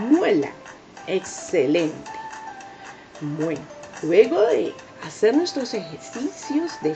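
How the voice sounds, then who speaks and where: A woman teaching young children letter sounds, drawing out each syllable, praising often and coaxing them to repeat. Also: on the high side. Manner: drawn-out sounds, sing-song praise, coaxing repetition. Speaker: preschool teacher. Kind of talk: slow, exaggerated phonics lesson for young children. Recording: dull lo-fi home recording with soft music.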